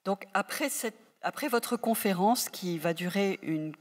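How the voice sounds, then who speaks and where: A woman's voice: mid-range voice, lively intonation, a little slow. A woman hosting an academic event, giving a polite, articulate, formal introduction. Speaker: faculty host introducing the speaker. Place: large lecture hall at a faculty. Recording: echoey hall with long reverb.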